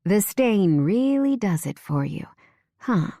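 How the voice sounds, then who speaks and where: A woman reading a first-person romance audiobook in a soft, unhurried way, close to the mic. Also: mid-range voice, very animated, no echo. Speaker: audiobook narrator.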